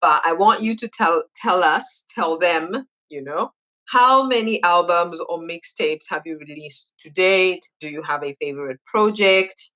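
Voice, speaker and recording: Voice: mid-range voice, a little slow, low-quality recording. A podcast host from Zambia, interviewing guests and repeating praise. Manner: warm, effusive, repeats praise.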